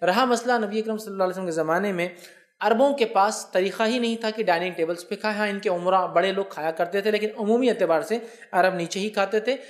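Man, religious scholar, question-and-answer talk, patient, explanatory, checks that listeners follow, spells out Arabic sounds slowly. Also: high voice. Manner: sounds out Arabic letters and words slowly to demonstrate pronunciation.

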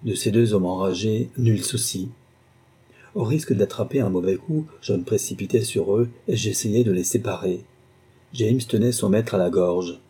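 A man's voice: fairly low pitch, moderate pace, dark tone, breathy edge. A man reading a short story aloud as narrator, with a dramatic, suspenseful delivery. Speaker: audiobook narrator.

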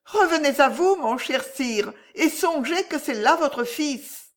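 A reader voicing a gentle young royal lady who pleads with the king, close to tears. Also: high-pitched, animated, takes it slowly, voice pushed up. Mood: pleading.

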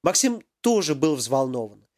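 A man narrating an audiobook with expressive, animated reading. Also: on the high side, moderate pace.

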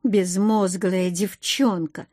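A woman reading an audiobook, voicing a furious, gruff young male commander who scolds and shouts. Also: medium pitch, lively intonation, a little slow, no room sound, studio quality. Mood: scolding.

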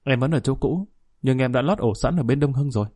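An eager young woman who plots an escape and talks fast, read by a male narrator. His voice stays mellow, and the recording is dry. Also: medium pitch, slightly rough, dry recording, close to an everyday voice.

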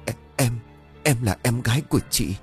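A man's voice: mid-range voice, expressive, quick pace, faint music behind, voice pushed up, close to an everyday voice. A man voicing a frantic young woman who is crying and pleading in an audiobook. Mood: tearful. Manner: sobbing, pleading.

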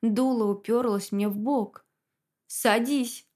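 A woman's voice: on the high side, fairly even intonation, moderate pace, darkish tone. A woman reading a dramatic first-person audiobook story in a tense manner. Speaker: audiobook narrator.

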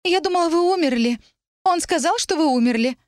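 A woman's voice: mid-range voice, animated, quick pace, a little mellow, dry recording, studio quality, close to an everyday voice. A woman reading an audiobook, voicing a crying young woman who pleads and gabbles through sobs. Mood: tearful pleading. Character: sobbing young golden-haired mistress.

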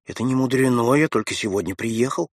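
A man's voice: medium pitch, brisk, no echo, studio quality, voice pushed down, lightly acted. A man voicing a frightened young nobleman who pleads urgently, his voice rising in alarm, in an audiobook. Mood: puzzled. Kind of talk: audiobook character voice.

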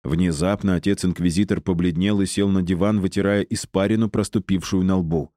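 A man narrating an audiobook in a measured, even reading. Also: deep voice, dry recording, studio quality. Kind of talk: scripted narration.

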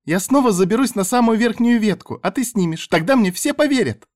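A man voicing a bold seven-year-old girl who shouts in a shrill voice from a storybook. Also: expressive, brisk. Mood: gleeful shouting. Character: excited little red-haired girl, seven, bold.

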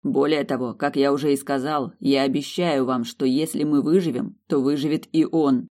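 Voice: mid-range voice, steady tone, normal speed, darkish tone, natural voice. Stern vampire man, commanding and short-tempered, read by the audiobook narrator. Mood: firm. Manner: commanding, curses under pressure.

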